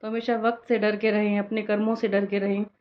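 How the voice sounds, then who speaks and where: Brisk and with little pitch movement, a mid-range female voice addresses viewers directly in a relaxed family vlog. It's captured on phone audio that sounds a bit dull and carries faint noise.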